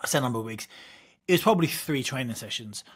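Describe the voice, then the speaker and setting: A middle-aged man, a guest on an interview, telling lively anecdotes from his youth in a casual way. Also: mid-range voice, fast talker, husky. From United Kingdom. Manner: vivid, animated anecdote-telling with laughs. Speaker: guest, former Olympic boxer.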